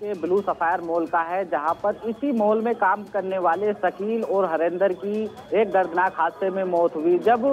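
A man's voice: sits high, fairly even intonation, normal speed, hardly any pauses, soft background music. A male field reporter giving an earnest live news report from outdoors at a scene, repeating the key questions. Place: outdoors at a mall. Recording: tinny phone-line audio.

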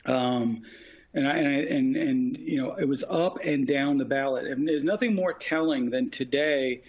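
A man's voice: medium pitch, low-quality recording. Emphatic man analyzing election numbers. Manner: emphatic, rapid-fire analysis. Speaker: political consultant panelist. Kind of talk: panel discussion.

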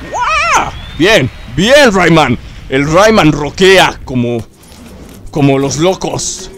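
A young man, chatting excitedly as he plays through a video game and cheers himself on. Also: on the high side. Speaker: gaming YouTuber. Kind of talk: let's play commentary. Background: game music.

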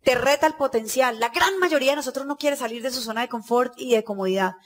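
A woman's voice: high-pitched, fast. A woman giving a motivational talk to an audience at a business conference, telling stories and acting out the dialogue. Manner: lively storytelling, acting out dialogue.

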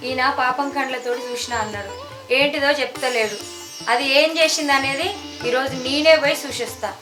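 An actress playing a nosy, suspicious village wife with a Telangana Telugu accent. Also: female voice, sits high, brisk, echoey room, distant mic, close to an everyday voice. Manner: nosy, insistent, accusing. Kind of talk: village short film acting. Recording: music behind.

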